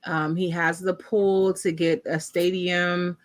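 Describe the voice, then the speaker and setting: A woman's voice: fairly low pitch, level tone, slow. Woman with a D.C. debating casually. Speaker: podcast panelist.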